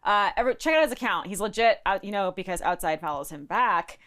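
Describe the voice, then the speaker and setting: A woman co-hosting an outdoors show in a studio, chatting playfully with quick jokey asides. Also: medium pitch, expressive, a bit bright. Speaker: co-host. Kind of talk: casual studio chat.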